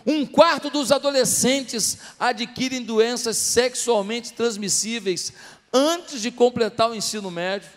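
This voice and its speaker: A man's voice: very high voice, unhurried, fairly bright tone, in a large hall. A man preaching a sermon as pastor in a church, full of passionate rhetorical questions to the congregation.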